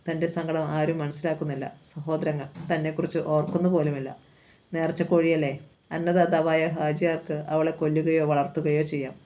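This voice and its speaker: A reader narrating a novel aloud in even, unhurried storytelling. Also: mid-range voice.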